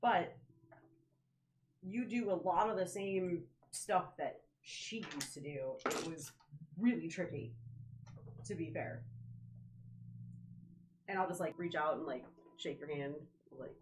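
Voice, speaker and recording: Lively woman player, noisy recording. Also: on the low side, takes it slowly, pauses often. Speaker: tabletop game player. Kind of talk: casual game chat. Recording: noisy group mic with clicks.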